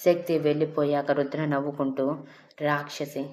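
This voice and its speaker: A woman storyteller reading a romance aloud in calm, measured narration. Her voice sits low and keeps an even, flat line. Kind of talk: scripted narration.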